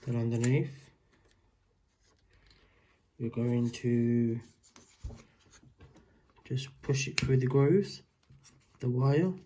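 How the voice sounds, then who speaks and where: A man demonstrates a gadget setup in a relaxed, unhurried vlog. His voice is dark and mellow, and he narrates each step as his hands work. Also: mid-range voice, slight background noise. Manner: talks through each step while handling the device. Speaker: vlogger. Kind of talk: casual how-to demonstration.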